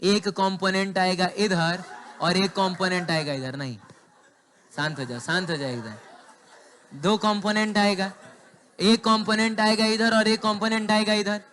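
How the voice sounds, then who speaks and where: Man, high voice, physics teacher, sore throat, asks students questions and jokes with them. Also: steady tone, measured pace, fairly bright tone. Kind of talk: classroom physics lecture.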